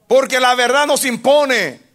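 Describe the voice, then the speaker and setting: A man preaching a sermon to a congregation, impassioned, asking them questions and repeating phrases for emphasis, swinging from hushed to loud. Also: very high voice, unhurried. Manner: addresses the congregation directly with questions.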